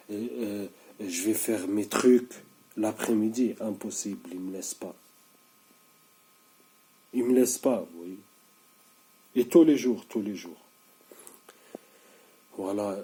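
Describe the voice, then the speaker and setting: With a lowish, mellow voice, a man in his thirties talks to the camera in a casual video monologue. He's sleep-deprived, pushy and repetitive, and he stumbles and restarts a lot.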